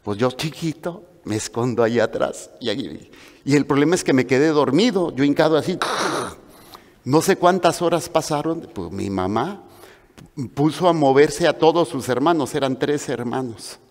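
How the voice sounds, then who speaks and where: A man preaching a sermon with a Mexican Spanish accent, telling stories in an animated way and acting out the voices of the people in them. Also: mid-range voice, normal speed. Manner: animated storytelling with acted-out voices. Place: church hall. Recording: long reverb of a large hall.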